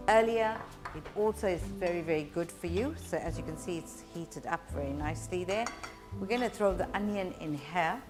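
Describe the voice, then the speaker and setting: A woman talks through a recipe step by step in a fairly low voice. She pauses and hesitates as she instructs. Music plays clearly behind her, along with the sizzle of frying. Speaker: cooking show presenter. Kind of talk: cooking demonstration, explaining steps.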